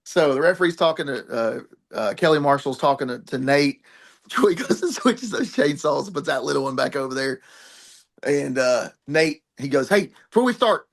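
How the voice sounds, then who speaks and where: A man's voice: medium pitch, normal speed, creaky. A middle-aged man, a pro wrestler and trainer, telling rambling, laughing stories in a podcast interview and swearing now and then. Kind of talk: animated storytelling in a podcast interview.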